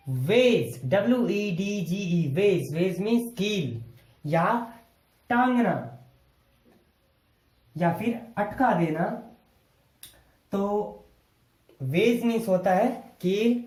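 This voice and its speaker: A male teacher talks through a lesson at an unhurried, deliberate pace, spelling each word out letter by letter before he says it. He goes over every rule more than once, patiently. The recording has a roomy, echoey sound. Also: high-pitched, warm tone. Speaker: English teacher. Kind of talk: explaining a lesson to viewers.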